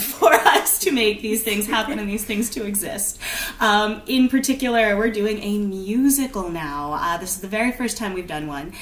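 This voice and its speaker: A woman's voice: medium pitch, fairly bright tone, a little hiss or hum. A woman theater director speaking earnestly in a casual interview, laughing easily. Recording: echoey room.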